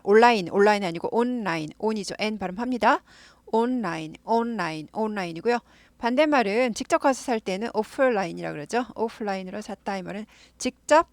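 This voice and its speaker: A woman explaining English phrases to learners, patiently repeating words slowly to model how they sound. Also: mid-range voice, no echo. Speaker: English teacher.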